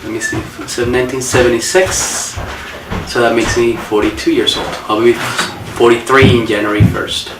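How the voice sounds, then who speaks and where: A man in his forties from Colombia, speaking English, who tells his life story reflectively and pauses to recall details. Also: medium pitch, level tone, heavy background noise. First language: Spanish. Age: 40s. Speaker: interviewee. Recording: roomy echo, distant mic, faint ambience.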